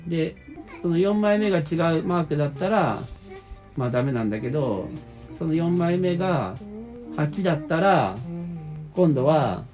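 Low-voiced woman hosting a chat. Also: animated, normal speed, pauses often. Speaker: host of a casual show. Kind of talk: casual chat. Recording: background music.

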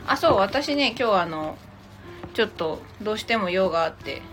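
Her mid-range voice has lively intonation and a normal speed as she hosts a casual tarot livestream. The tarot reader chats playfully with viewers in the comments, mixing polite speech with teasing casual talk, and music can be heard behind her.

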